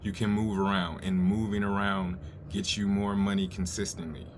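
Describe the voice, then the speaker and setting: A man's voice: deep voice, level tone, normal speed. A middle-aged man, an experienced chef, giving blunt, informal advice in a casual, sweary, unscripted rant. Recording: clear ambient background noise.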